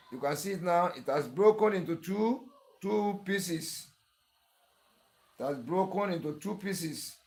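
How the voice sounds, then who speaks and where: A man's voice: a little high, darkish tone. A man with a Nigerian accent hosting a sharpening tutorial, talking in an earnest, repetitive, pleading way. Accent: Nigerian English. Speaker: clipper-blade sharpening tutor and channel host. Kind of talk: tutorial narration.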